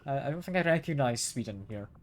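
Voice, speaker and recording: A man's voice: medium pitch, animated, quick pace, a little hiss or hum. A man streaming a game live, chatting casually, asking his viewers questions and chuckling often. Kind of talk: casual live gameplay chat.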